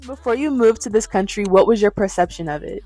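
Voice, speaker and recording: A woman's voice: mid-range voice, fast, warm tone, soft background music. A woman interviewing a guest casually, often finishing the guest's sentences for her.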